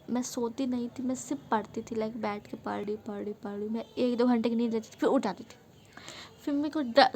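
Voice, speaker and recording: A woman's voice: on the high side, slight background noise. A young woman vlogger from Bihar, India, telling a casual storytime monologue in a frank, emphatic way, with English words mixed in. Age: young adult.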